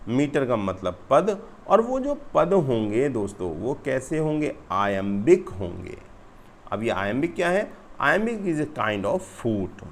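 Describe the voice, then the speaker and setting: A man giving an exam-prep lecture, explaining patiently, addressing his viewers as friends and slowing down to read questions aloud. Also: mid-range voice, a little hiss or hum. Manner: slows sharply to read English questions aloud. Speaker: teacher.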